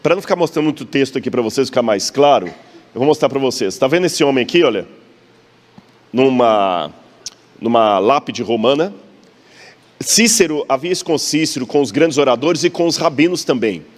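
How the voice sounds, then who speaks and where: A man's voice: mid-range voice, animated, moderate pace. A man with a Brazilian Portuguese accent giving a didactic public lecture, asking the audience questions and pointing to slides. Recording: long hall reverb.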